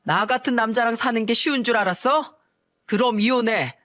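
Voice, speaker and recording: A woman's voice: on the high side, normal speed, pitched above the performer's own voice, close to an everyday voice. A woman voicing a brazen, hot-tempered middle-aged father who talks with scorn, in a told family story. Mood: dismissive. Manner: shouting, scornful.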